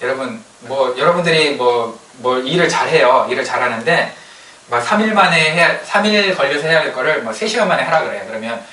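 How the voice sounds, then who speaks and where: A man preaching a sermon as a pastor, in a lively, colloquial way, sometimes acting out what people say. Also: mid-range voice, fairly quick. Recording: roomy hall sound, distant mic, faint ambience.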